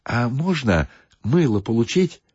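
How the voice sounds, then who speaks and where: Guy doing a shaggy fretful bloke, higher voice, lively, husky, dull dry recording. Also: unhurried, no echo. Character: shaggy-haired man hunting for soap, fretful.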